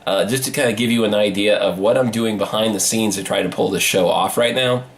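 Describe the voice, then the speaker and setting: A man with a lowish voice, a podcast host, records a casual behind-the-scenes vlog in the hallway of an old high-ceilinged apartment. He speaks informally and haltingly, with a self-deprecating manner.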